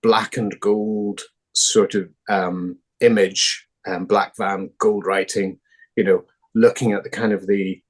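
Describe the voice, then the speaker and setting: Low husky Northern Irish man. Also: little pitch movement, slow pace. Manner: thoughtful, many fillers and restarts. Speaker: founding director, interview guest. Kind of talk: conversational interview answers.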